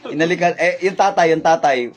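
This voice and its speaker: A man's voice: fairly high pitch, fairly quick. Healer guy talking to a spirit, bossy then jokey, laughs a lot. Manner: commanding, then teasing and laughing. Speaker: faith healer. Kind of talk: spirit healing session.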